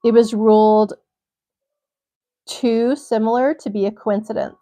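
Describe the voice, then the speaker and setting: Brief: young woman, slightly high voice, livestream host, reads a crime article steadily and breaks off with blunt asides. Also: fairly even intonation, unhurried, mellow. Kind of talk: reading aloud with personal asides.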